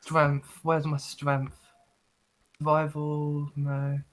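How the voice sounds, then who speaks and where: Slow, flat, bright-voiced male player. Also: on the high side. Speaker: player in a tabletop game. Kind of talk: casual game chat.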